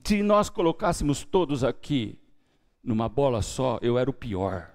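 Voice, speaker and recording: In a church, a male pastor with a Brazilian Portuguese accent preaches a sermon built around his own testimony. His medium-pitched voice, carrying some vocal fry, moves at a measured pace and swings from hushed, quiet lines to loud, lively ones.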